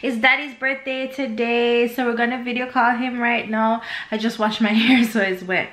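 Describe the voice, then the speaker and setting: A woman's voice: a little high, steady tone, moderate pace. A woman hosting a family vlog at home, chatting playfully with her child and often laughing. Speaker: vlog host and mother. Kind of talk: casual family vlog chat. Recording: echoey room with loud music.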